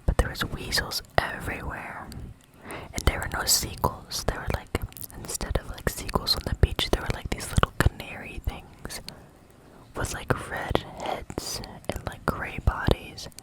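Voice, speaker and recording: An ASMR vlogger chatting in a soft unvoiced whisper, rambling with many fillers and eating between remarks. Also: unhurried, poor audio. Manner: chewing and eating sounds between talk.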